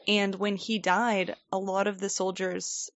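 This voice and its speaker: Laughing frequently, a woman co-hosting a podcast rambles through a casual story into a desk microphone. She has a mid-range voice with a level tone and a slightly slow pace, and the audio is muffled with no echo.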